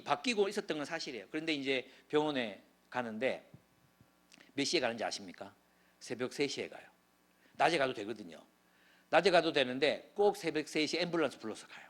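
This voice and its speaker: Lively middle-aged preacher telling stories. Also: male voice, sits high. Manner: animated storytelling, voice swells and drops sharply. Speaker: pastor, guest speaker. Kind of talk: sermon with storytelling.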